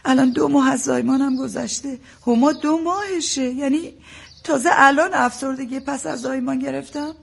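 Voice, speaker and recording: An actress playing a tearful, anxious mother of a newborn who defends herself gently. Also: high voice, creaky. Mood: tearful, defensive. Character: tearful mother of a new baby, anxious, devout. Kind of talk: TV drama acting.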